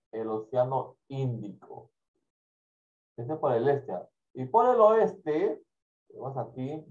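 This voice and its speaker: A man teaching a primary class, unhurried and repetitive, pausing to ask whether the kids follow. His voice sits a little high, and the sound is dull and lo-fi. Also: darkish tone. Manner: slow, repetitive, checks in with "¿ya?". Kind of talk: online class lecture.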